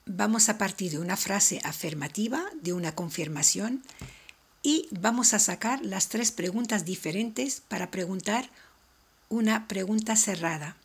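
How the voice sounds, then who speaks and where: A woman teaching a language lesson at an unhurried, careful pace. Her voice is soft and a little breathy, and she repeats every point in two languages so learners can follow along. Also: medium pitch. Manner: slow, deliberate explanations, repeating each point in two languages. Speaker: French teacher.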